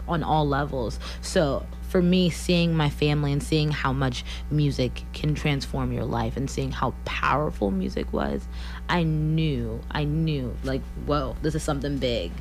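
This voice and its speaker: Over poor-quality audio, a Missouri woman in her twenties speaks in a low voice during a radio interview about her work as a singer-songwriter. Earnest and quick to laugh, she leans heavily on "like" and "you know." She's from Columbia.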